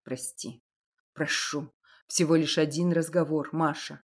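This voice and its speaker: A woman voicing a young nobleman, soft and imploring, in a lowered voice, reading a storybook romance. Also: little pitch movement, unhurried, breathy edge. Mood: pleading. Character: young nobleman, pleading and persistent.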